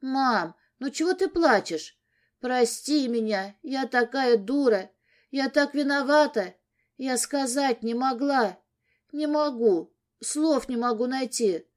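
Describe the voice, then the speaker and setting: Женщина озвучивает виноватую плачущую дочь-подростка. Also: female voice, sits high, expressive, slow. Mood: pleading, tearful. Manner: pleading, tearful. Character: tearful guilty teenage daughter, impulsive. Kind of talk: audiobook story reading.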